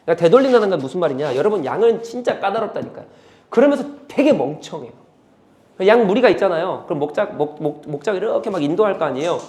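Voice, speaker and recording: A male pastor preaching a sermon, moving between quiet, earnest stretches and loud, impassioned climaxes. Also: high voice, very animated, fast talker.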